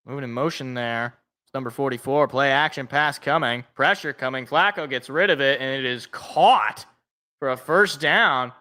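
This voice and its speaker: Bright-voiced young man reacting to football. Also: medium pitch, normal speed. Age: 20s. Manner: joking, self-deprecating, chatting with viewers. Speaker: sports podcast co-host. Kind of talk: live game reaction and play-by-play.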